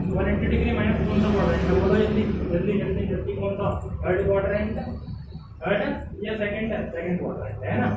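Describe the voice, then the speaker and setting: Man, high voice, maths lecture, urgent repetitions, far from the mic, noisy echoey room. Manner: urges students to answer quickly, repeats words. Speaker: maths teacher.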